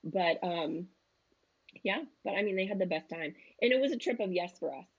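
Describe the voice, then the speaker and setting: A woman in her thirties, a travel agent appearing as a guest, chats casually and acts out quotes as she tells her stories. Her voice is lowish, animated, and husky, at a normal speed, and the sound is lo-fi.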